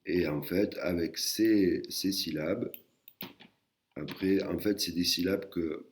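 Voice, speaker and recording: A man teaching a language lesson in a casual, hesitant way, with many fillers, slowly sounding out syllables. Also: low-pitched.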